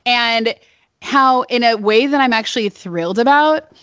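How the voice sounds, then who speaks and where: A woman's voice: fairly high pitch, a little slow, a bit bright, no echo. A woman hosting a podcast, opening with an introduction and then chatting effusively with her guest. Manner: effusive, enthusiastic. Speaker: podcast host.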